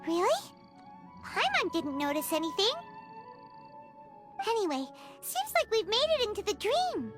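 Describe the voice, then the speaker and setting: A woman voicing a small, excitable fairy companion girl in a video game, with a childlike, squeaky voice. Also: measured pace, long pauses, over loud music, full character voice. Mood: puzzled.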